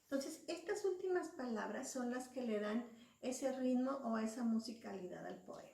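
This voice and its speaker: A woman's voice: a little high, lively intonation, normal speed, gravelly, warm tone. A woman teacher explaining a lesson patiently, spelling out syllables and letters one by one. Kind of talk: slow classroom explanation. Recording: echoey room, voice far from mic.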